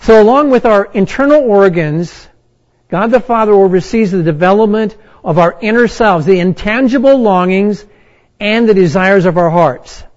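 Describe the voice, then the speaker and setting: A man preaching a sermon, reading and explaining scripture with slow, emphatic pauses. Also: high-pitched, highs cut off. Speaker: pastor.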